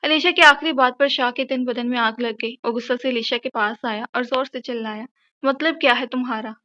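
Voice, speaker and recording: Woman narrator for an audio novel, high and bright, slightly muffled sound. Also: fairly even intonation, a little fast.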